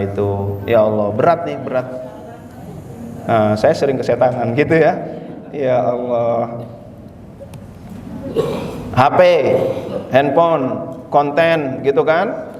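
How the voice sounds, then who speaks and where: A man's voice: medium pitch, slow pace, pauses often, roomy sound, in a large hall, far from the mic, dull audio. A man giving an informal religious lecture, telling stories and acting out quotes. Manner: lively storytelling with acted-out quotes. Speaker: religious teacher.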